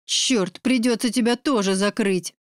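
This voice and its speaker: A woman's voice: measured pace, no room sound, clean studio sound, lightly acted. A woman doing a menacing drunk young man. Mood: annoyed. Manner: mocking, lowered voice.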